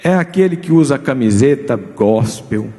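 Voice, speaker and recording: Brazilian pastor preaching in a reverberant hall. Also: male voice, fairly high pitch, normal speed. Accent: Brazilian Portuguese. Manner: lively preaching with many rhetorical questions to the congregation. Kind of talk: sermon. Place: church hall. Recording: live church recording with long reverb.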